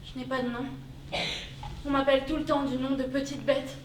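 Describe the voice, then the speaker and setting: An amateur actress playing a soft-spoken, dreamy young girl in a stage play. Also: high voice, level tone, brisk, a little hiss or hum, lightly acted. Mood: wistful. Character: wistful young girl with no name. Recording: echoey hall, distant camera.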